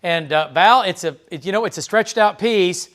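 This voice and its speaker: During live tornado coverage in a TV weather studio, a male meteorologist with a fairly bright voice, a touch higher than most men's, narrates the radar. His style is loose and conversational, with fillers and quick "okay?" checks.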